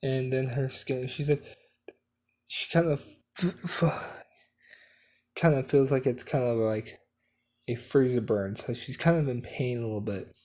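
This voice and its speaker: A man's voice: medium pitch, fairly even intonation, a little slow, pauses often, darkish tone. A man improvising a fan story at home, hesitant, with many fillers and restarts.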